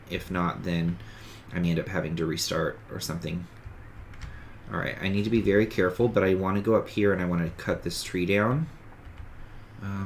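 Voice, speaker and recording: This streamer's voice sits low, and there's slight background noise. Sniffling and stuffed up with a cold, he offers casual let's-play commentary on a survival game, rambling, correcting himself, and talking through each step as he goes.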